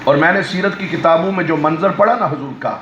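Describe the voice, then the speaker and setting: A man preaching an emotional sermon with a Pakistani Urdu accent, telling a story in a voice that swings from soft pleading to loud cries. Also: a little high, slight background noise. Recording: echoey, dull lo-fi sound.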